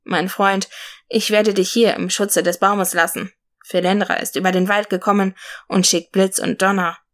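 A woman's voice: mid-range voice, level tone, moderate pace, fairly bright tone, lightly acted. Brave male forest warrior, earnest and solemn, storybook hero, read by a woman.

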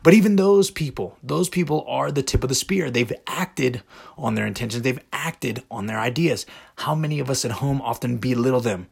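Gravelly, husky male motivational podcast host. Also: mid-range voice, moderate pace. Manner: direct, emphatic, rhetorical questioning.

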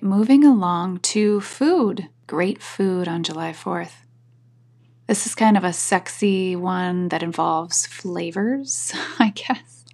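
Woman, podcast host, soft-spoken, gravelly low voice, slow talk. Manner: soft-spoken, drops into whispers. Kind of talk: casual talk and poetry reading.

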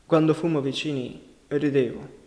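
A man narrating a novel as an audiobook, in a measured, unhurried literary reading. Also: fairly high pitch, steady tone, darkish tone. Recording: long reverberant hall sound.

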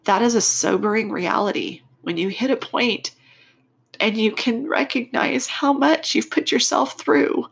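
A woman hosting a reflective personal podcast, speaking in deliberate, expressive phrases with a congested, nasal voice from a stuffed-up nose. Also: on the high side, gravelly, husky. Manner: unhurried, deliberate phrasing with pauses. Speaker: podcast host.

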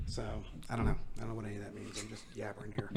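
A man's voice: fairly low pitch, monotone, creaky, a crowd in the background. An American man co-hosting a tech podcast, rambling in casual chat, joking at his own expense and laughing often. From United States. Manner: rambling, self-mocking, quick to laugh. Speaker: podcast co-host.

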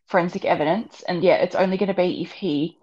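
A woman's voice: fairly low pitch, steady tone, quick pace, darkish tone, husky. A woman co-hosting a podcast in casual chat, her voice heard through dull, worn-sounding audio. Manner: chatty, agreeing. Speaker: podcast co-host.

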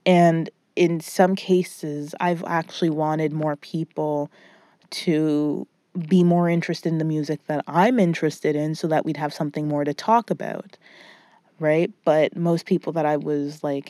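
A woman's voice: deep voice, steady tone, mellow. Muffled, dry-sounding woman podcasting from a closet. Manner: informal, rambling, halting with repeated words. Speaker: podcast host and music producer. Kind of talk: casual solo podcast talk. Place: recorded in a small clothes closet indoors. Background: nothing, little reverb.

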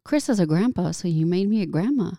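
A woman in her thirties chatting casually, candid and animated, swearing freely. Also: on the low side, fast, dry recording, studio quality. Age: 30s. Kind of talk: casual chat.

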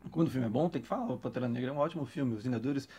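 A man's voice: medium pitch, very fast, mellow, slightly rough. A man with a Brazilian Portuguese accent hosting a film podcast, talking thoughtfully and often repeating words as he hesitates. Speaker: podcast host. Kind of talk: casual podcast discussion.

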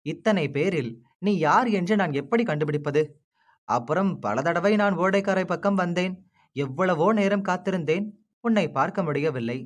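A man's voice: high-pitched, animated, moderate pace. A man voicing an earnest young freedom volunteer who explains himself in a pleading tone in a storybook reading.

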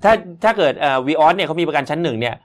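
A man's voice: on the high side, lively intonation, fast, crowd noise. A man co-hosting a news talk show, retelling events in a casual way with fillers and repeats.

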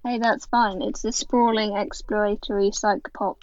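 A woman's voice: mid-range voice, fairly even intonation, moderate pace, darkish tone, dry recording, dull audio. A woman with an East Midlands English accent chatting casually as a podcast co-host. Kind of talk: casual chat.

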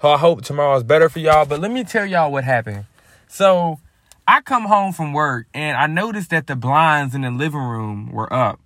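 A man telling a story to his viewers in a casual, lively, slangy way. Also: a little high, moderate pace, dry recording. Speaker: vlogger.

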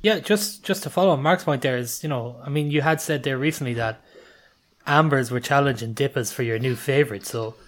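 A man's voice: mid-range voice, fairly quick. An Irish man talking casually in a group chat as a podcast co-host.

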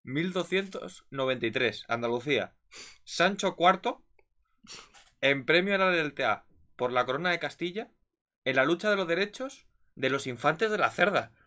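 Spanish male podcast co-host reading dates, bright tone. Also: fairly high pitch, expressive, normal speed. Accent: Spain Spanish. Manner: reads historical dates out loud, laughing.

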